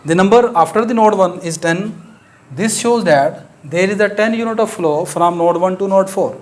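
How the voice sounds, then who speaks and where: His voice slightly higher than most and a little mellow, a man with an Urdu accent teaches a maths lecture in English. He works through the example carefully one step at a time, often pausing with short fillers.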